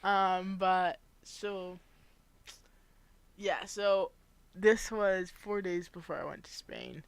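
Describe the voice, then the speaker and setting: A woman's voice: mid-range voice, slow, clear, resonant tone, no room sound. A young adult woman, a podcast guest, telling a story in casual chat, laughing and swearing casually.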